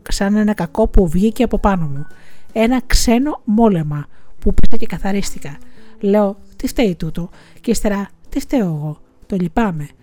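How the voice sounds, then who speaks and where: A woman voicing a grieving, bitter widowed village schoolteacher in an audiobook, speaking in a quiet confessional way. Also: mid-range voice, lightly acted. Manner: quiet confessional, tearful, resentful. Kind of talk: audiobook reading.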